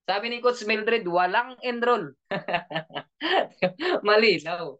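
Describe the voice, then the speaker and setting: A man's voice: sits high, lively intonation, drawn-out words, fairly bright tone. A man coaching an online training session, joking, laughing often and keeping his listeners engaged with questions. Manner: joking, laughs often, keeps asking the audience. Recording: dull lo-fi audio.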